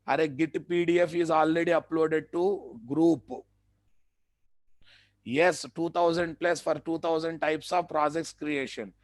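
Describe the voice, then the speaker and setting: Indian guy teaching a tech class, kinda high voice, repeats himself n asks then answers his own questions, dry close sound. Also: fairly even intonation, measured pace, no echo. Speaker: software training instructor. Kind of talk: live technical lesson.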